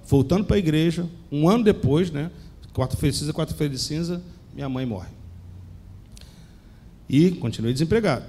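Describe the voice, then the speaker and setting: A man in his forties with a Rio de Janeiro accent, preaching a sermon and telling his own testimony with emphatic pauses and direct questions to the congregation. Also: on the high side, warm tone, husky. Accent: Brazilian Portuguese, Rio de Janeiro.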